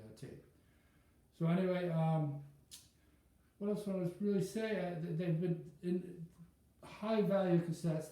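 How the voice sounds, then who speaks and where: In a muffled recording from a very echoey room, a hobbyist audiophile vlogger rambles through an unscripted product chat, pausing hesitantly as he works out his thoughts. He's a middle-aged or older man whose voice is on the high side and mellow.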